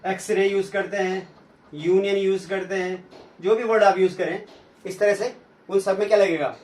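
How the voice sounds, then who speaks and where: Male teacher, high voice, drills learners with questions he answers himself, heard from a distance in an echoey room. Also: steady tone, a little mellow. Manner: asks questions and answers them himself, repeats sounds slowly. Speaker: English teacher. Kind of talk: classroom grammar lesson.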